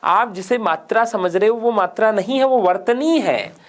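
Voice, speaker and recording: A man's voice: high-pitched, expressive, moderate pace. A man teaching a grammar lesson for exam students, asking questions and answering them himself and repeating key points. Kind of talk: exam-prep grammar lecture.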